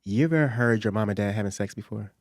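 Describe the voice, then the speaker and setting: A man's voice: lowish voice, fast. A man co-hosting a casual podcast, telling stories dramatically with lots of laughing. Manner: animated, dramatic storytelling with laughs. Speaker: podcast co-host.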